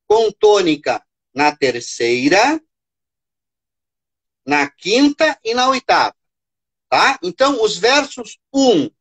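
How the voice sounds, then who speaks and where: A woman's voice: medium pitch, husky. A woman from Brazil leading a live teaching session for teachers, patient, checking in often and counting syllables aloud. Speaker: teacher presenting a workshop for teachers.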